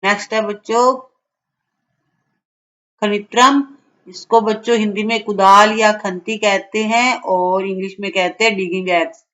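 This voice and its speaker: Woman, patient school lesson, very slow, repeats each word for kids. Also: medium pitch, fairly even intonation, fairly bright tone, lo-fi sound. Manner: addresses children often, repeats terms slowly. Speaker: teacher.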